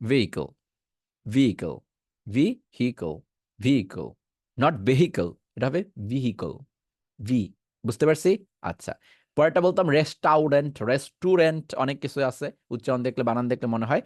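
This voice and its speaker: A man leads an English pronunciation lesson. He repeats words slowly and keeps asking whether learners follow. His voice swings widely in pitch, and the sound is dry and close. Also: darkish tone, dry recording. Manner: repeats words slowly and drills them, checks understanding often.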